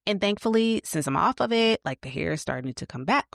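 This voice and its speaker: A woman's voice: medium pitch, animated, fairly quick, gravelly, dry recording, studio quality. A woman hosting an advice podcast, telling personal stories in a chatty way with lots of fillers. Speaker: podcast host. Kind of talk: casual advice podcast monologue.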